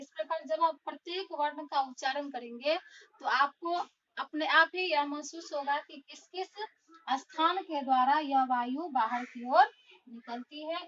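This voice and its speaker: High-voiced woman teaching, distant and dull. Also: fairly bright tone, slight background noise. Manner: slow, deliberate explanatory teaching. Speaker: school teacher. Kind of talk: classroom lesson on Hindi phonetics. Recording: distant mic, dull lo-fi sound.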